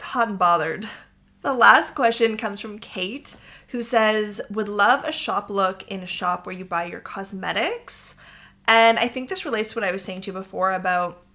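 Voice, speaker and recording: A young woman with a sharp-toned, mid-range voice hosts her own podcast from a warm apartment room. A native English speaker, she chats casually and rambles upbeat.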